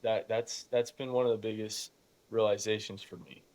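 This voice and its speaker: An eighteen-year-old real estate investor talks on a podcast as a guest, using casual, emphatic motivational storytelling and voicing imagined exchanges. His voice is lowish and darkish with fairly even intonation and a moderate pace, and it can still crack in a youthful way.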